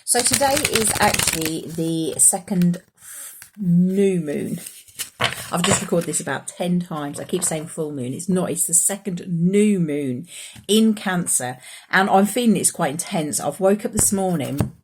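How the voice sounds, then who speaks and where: A woman's voice: lowish voice, animated, unhurried, background noise. A woman chatting casually in a spiritual vlog and pulling oracle cards, rambling with fillers and restarts. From United Kingdom. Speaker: spiritual oracle card reader.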